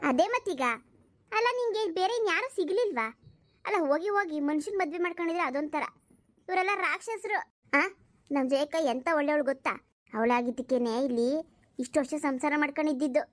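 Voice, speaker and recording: Woman playing outspoken cartoon village women, very high-pitched and blunt. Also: a little fast, no room sound, close to an everyday voice. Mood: scolding. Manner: scolding, blunt village talk. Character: scolding village women, friends of Jayakka. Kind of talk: cartoon voice acting.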